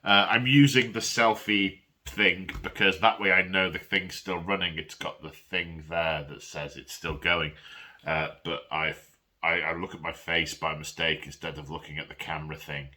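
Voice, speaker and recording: A man's voice: deep voice, steady tone, normal speed, pushed and bright. A man hosting a casual hobby unboxing vlog while he has a cold and coughs. He rambles and restarts with self-deprecating asides, recorded on a phone. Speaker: miniature wargaming hobby channel host. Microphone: phone camera.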